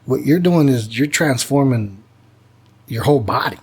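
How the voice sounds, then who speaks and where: A man's voice: medium pitch, animated, normal speed, a little mellow, slightly rough. A man hosting a podcast in casual conversation, candid and self-deprecating as he reflects on his early episodes. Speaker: podcast host.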